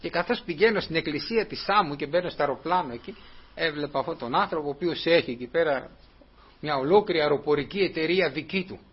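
A man's voice: on the high side, husky. A man preaching a sermon in an earnest, repetitive way, often calling his listeners brothers. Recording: dull lo-fi recording.

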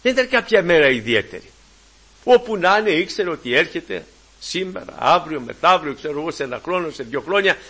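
Male preacher, fairly high voice, fervent delivery with loud peaks and low murmured asides. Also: very animated, slightly rough. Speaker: pastor. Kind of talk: sermon.

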